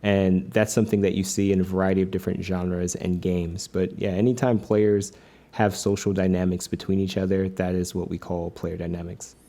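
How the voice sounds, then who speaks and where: A man's voice: low voice, level tone, moderate pace, warm tone. A man being interviewed as a game designer, earnest and full of "like" and "you know" fillers. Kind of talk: casual interview.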